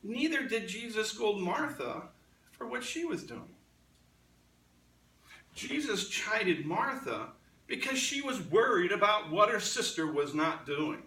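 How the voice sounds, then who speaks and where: Animated, bright-voiced male preacher in a roomy hall. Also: sits high, takes it slowly. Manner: conversational preaching, acts out quoted lines. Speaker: pastor. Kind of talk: sermon. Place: church sanctuary. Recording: roomy church sound from a distant mic.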